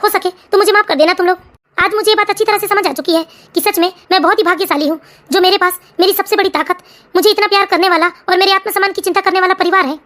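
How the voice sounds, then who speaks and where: A proud, stubborn older father, a retired clerk in an animated family tale, voiced by a woman. He talks fast in a very high voice, earnest and a little puzzled by his family. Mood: remorseful. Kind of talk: cartoon family story voice acting.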